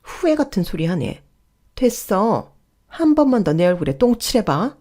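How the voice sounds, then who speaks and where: A woman's voice: medium pitch, big pitch swings, moderate pace, mellow. A woman voicing a stubborn older mother-in-law who scolds sharply and dismissively. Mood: shouting.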